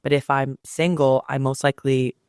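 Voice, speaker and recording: A young woman co-hosting a casual chat podcast, playful and teasing, jumping in with quick reactions. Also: a bass voice, little pitch movement, a little mellow, smooth, no echo, studio quality. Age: young adult. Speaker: podcast co-host.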